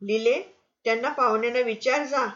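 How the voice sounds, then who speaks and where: A woman doing a shrill, nagging innkeeper's wife. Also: fairly even intonation, fairly quick, fairly bright tone, highs cut off, natural voice. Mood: scolding. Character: harsh scolding innkeeper's wife, middle-aged.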